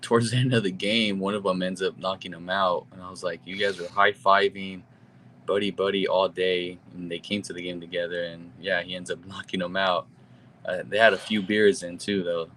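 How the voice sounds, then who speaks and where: Laid-back guest guy, low voice, pretty monotone, a bit of background hiss. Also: normal speed, low-quality recording. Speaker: guest on a fan livestream. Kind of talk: casual chat.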